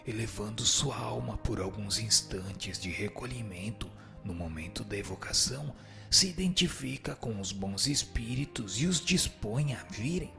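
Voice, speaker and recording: In a radio drama, a Brazilian-accented man plays a solemn spirit who instructs and replies in formal language. His voice sits fairly low and sounds creaky, expressive and a little slow. Background music plays beneath him.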